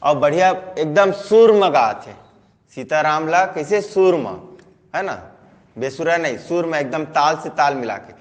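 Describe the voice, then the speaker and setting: A man's voice: a little high, lively intonation, a little slow, big-room sound. Chhattisgarhi man chanting in a lesson. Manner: call-and-response questions, chanting repeated words. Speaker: teacher. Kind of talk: online class mnemonic lesson.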